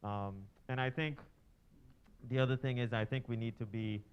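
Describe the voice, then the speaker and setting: Guy at a church workshop, stops and restarts a lot, smooth voice but muffled recording. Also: medium pitch, steady tone. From Trinidad and Tobago. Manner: halting, many fillers and restarts. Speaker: workshop participant.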